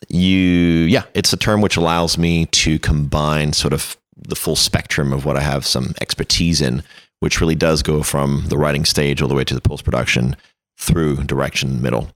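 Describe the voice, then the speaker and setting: Speaking with a bass voice in a dry recording, a creative director from France is the guest in a relaxed, conversational interview. He is in his thirties, his first language is French, and he talks in a wordy way, full of anecdotes and self-deprecation.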